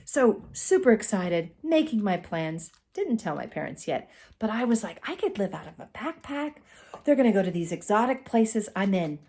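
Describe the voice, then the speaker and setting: A middle-aged woman with a medium-pitched voice, a storyteller and channel host, tells a personal comic story to camera in a theatrical, expressive way with dramatic pauses. She's indoors in a small curtained room, recorded on a phone held at arm's length.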